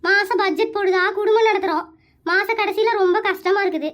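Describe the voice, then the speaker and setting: A woman's voice: very high voice, fairly quick, fairly bright tone. A woman voicing a put-upon middle-aged village housewife with a Kongu Tamil accent, complaining in a comic cartoon. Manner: plaintive, complaining.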